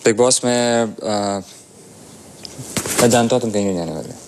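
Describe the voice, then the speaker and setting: Hesitant male contestant with many pauses. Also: on the low side, creaky, background noise. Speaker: reality show contestant. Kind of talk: confession-room statement.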